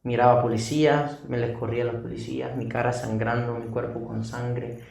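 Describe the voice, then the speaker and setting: A man's voice: mid-range voice, level tone, fairly quick, gravelly, darkish tone. A young man giving an earnest personal testimony, recounting events vividly with repetition. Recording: distant echoey room mic.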